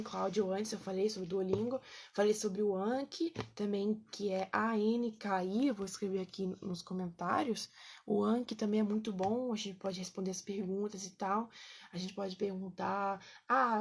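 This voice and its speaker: A woman's voice: medium pitch, darkish tone, breathy edge. A woman, casually teaching on a live stream, chatty, with lots of fillers and checks with her viewers. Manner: greets viewers by name between points.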